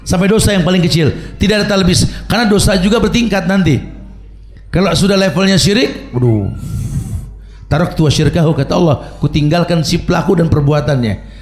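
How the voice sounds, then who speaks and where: A man's voice: sits high, creaky. A middle-aged man preaching a humorous sermon, telling stories and chanting Arabic recitations.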